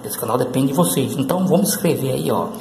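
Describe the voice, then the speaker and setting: A man's voice: medium pitch, animated, quick pace, vocal fry. Male host, casual rambling lesson talk, roomy echo, faint hiss behind. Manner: rambling, full of tag questions and fillers. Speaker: English teacher and channel host.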